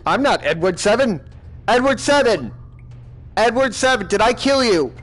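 High-voiced man, mock-stern. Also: very animated, moderate pace, a bit bright. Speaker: gamer playing a villain boss. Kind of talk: comedic gaming role-play.

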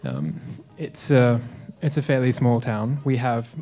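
A man in his twenties from South Africa tells a relaxed, self-deprecating story to an audience, often pausing on "um", speaking into a handheld microphone in a dim hall. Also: mid-range voice, faint music behind. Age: 20s. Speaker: speaker at a live talk event. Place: dim lecture hall with a projector screen.

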